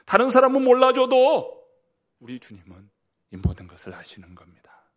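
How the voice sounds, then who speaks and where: A male pastor preaching a sermon in a church service, swinging from loud emphasis to hushed whispers and asking the congregation direct questions. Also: extremely high pitch, wildly swooping pitch, moderate pace.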